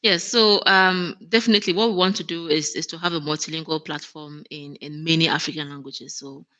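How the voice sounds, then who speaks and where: A woman with a low voice and fairly even intonation speaks a little fast, her tone sharp. As the guest in a conversational interview, this operations manager comes across as earnest, with frequent restarts and easy laughter.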